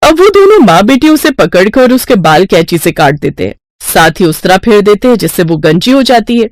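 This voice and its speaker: A woman reads a moral story aloud as scripted storybook narration. Her voice rises and falls a great deal, and she brings an expressive touch to every line. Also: medium pitch, moderate pace, dry recording, studio quality.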